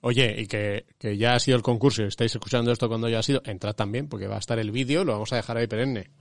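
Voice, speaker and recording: A man with an accent from Spain hosts a casual finance podcast, bantering quickly with his co-host, joking and laughing often. His mid-range voice is creaky with fairly even intonation, and the recording is studio quality with no room sound.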